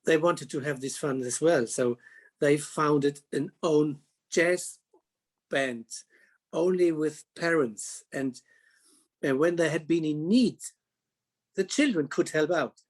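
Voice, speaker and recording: Hesitant man with a raised pitch. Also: slow. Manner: hesitant, many restarts, slightly non-native phrasing. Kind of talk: conference panel talk.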